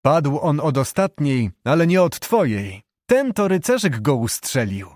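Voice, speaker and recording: A man's voice: fairly high pitch, very animated, measured pace, a little mellow, no echo, clean studio sound. Man voicing jovial old-time knight and father. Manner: hearty, joking. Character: jovial middle-aged knight, doting father.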